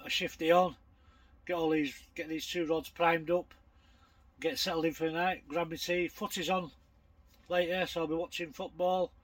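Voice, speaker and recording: An older angler vlogger chats casually to camera from a bankside bivvy at dusk, fishing and cooking a curry as he narrates. His voice is on the high side and a bit bright, and his commentary is chatty and matter-of-fact. The recording is rough but has no echo.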